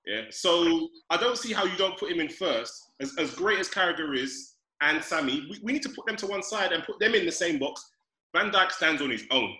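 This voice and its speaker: A man with a London roadman accent and a fairly high, lively, bright voice. He argues emphatically in slang on a casual panel, with the room echoing around him. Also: fairly quick. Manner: emphatic, repeats phrases, slangy. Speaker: podcast panellist. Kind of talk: casual football debate.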